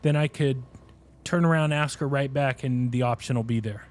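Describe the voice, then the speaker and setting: A man's voice: medium pitch, normal speed. A man streaming a game, chatting casually with friends and asking lots of questions. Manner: curious, asks lots of questions. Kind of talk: casual gaming chat.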